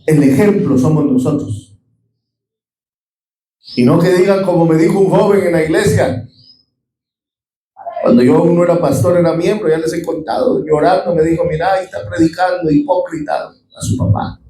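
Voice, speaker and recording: A man's voice: a little high, normal speed, long pauses, mellow, roomy sound, low-quality recording. A middle-aged man with a Guatemalan Spanish accent preaching a sermon as a pastor, calling out to his congregation for responses.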